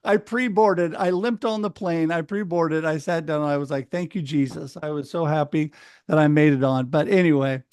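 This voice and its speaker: A middle-aged man from Oregon recounts his story casually and energetically on a video call, voicing the lines of other people. His fairly high voice has a clean tone and a moderate pace, captured dry and close with no room echo.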